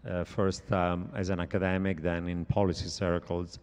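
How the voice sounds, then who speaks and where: A middle-aged man who grew up in Italy, speaking as an economist on a conference panel in a measured way with many hesitant fillers. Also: deep voice, little pitch movement, darkish tone, clean tone. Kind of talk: panel discussion. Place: conference stage. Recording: reverberant conference hall.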